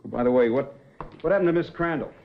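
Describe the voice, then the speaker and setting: An actor playing a steady, level-headed frontier marshal who speaks in a measured, firm way, in a 1950s TV western. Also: male voice, mid-range voice, creaky, slight background noise, lightly acted. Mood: calm. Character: calm, steady frontier marshal, grown man. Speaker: town marshal. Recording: dull lo-fi old TV sound.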